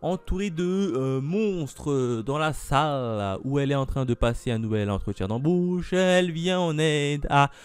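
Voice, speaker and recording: A man's voice: fairly high pitch, expressive, measured pace, few pauses, clean tone. A man casually going through upcoming manga releases, thinking aloud with lots of fillers as he reads titles off a list. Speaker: manga YouTuber.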